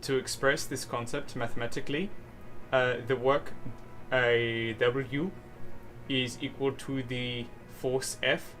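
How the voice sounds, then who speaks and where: A man puts on a mock German accent for a slow, stumbling read-aloud. The pitch sits mid-range, and the pace drags as he picks through each phrase. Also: steady tone, a bit bright, faint music behind. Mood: mock-solemn.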